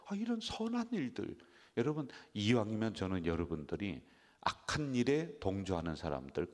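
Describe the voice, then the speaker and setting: Man, pastor, dawn sermon, very low voice, animated pitch, emphatic then whispering, reverberant church hall. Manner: emphatic preaching, often dropping to a hushed whisper. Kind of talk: early-morning sermon and prayer. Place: church sanctuary.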